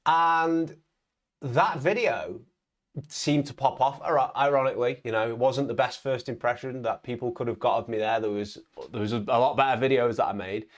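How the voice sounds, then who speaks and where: A young vlogger on online business gives his viewers a casual motivational talk at normal speed in a mid-range voice. He is emphatic, often tags on "right?", and stumbles into restarts.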